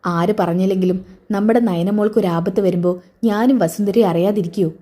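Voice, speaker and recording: A woman voicing a gentle, reassuring elderly grandfather in a spoken serial recap. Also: mid-range voice, steady tone, a little fast, close to an everyday voice. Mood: kind.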